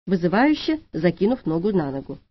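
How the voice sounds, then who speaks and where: Woman narrator, lively animated audiobook reading, dry close booth, slightly dull sound. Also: lowish voice, brisk, husky, no room sound. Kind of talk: scripted audiobook narration, first person.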